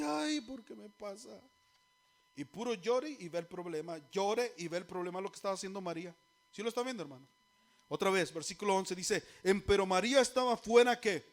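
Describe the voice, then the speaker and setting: A male preacher giving a sermon, often asking the congregation questions and letting them finish his lines, then building up to louder, more urgent appeals. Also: high voice. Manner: call-and-response questions to the congregation; grows louder and more urgent toward the end. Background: faint music.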